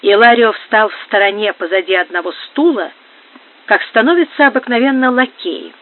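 Audiobook narrator on a tinny line. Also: mid-range voice. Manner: measured, even literary reading. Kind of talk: audiobook reading of a historical novel. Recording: phone-like narrow band.

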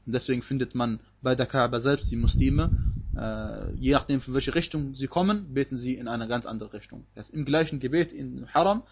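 A man's voice: mid-range voice, a little fast, breathy edge, highs cut off. A man teaching a Quran commentary lesson, explaining emphatically and reciting Arabic verses between his points.

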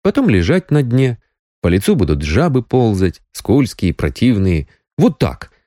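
A man voicing a weary grown man with a dry, wry humor, speaking low. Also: very animated, measured pace, warm tone, dry recording.

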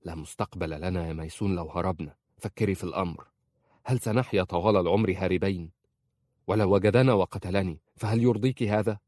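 A man reading aloud as a young husband, speaking low, hushed and earnest. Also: quick pace, no room sound, studio quality. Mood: pleading. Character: young husband, tender but resolute.

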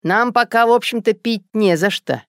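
A sly, purring older boss talks in a folksy drawl, put on by a woman narrating a storybook. His voice carries a bit loud. The recording is dry. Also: fairly high pitch, moderate pace, dry recording, pitched above the performer's own voice, natural voice.

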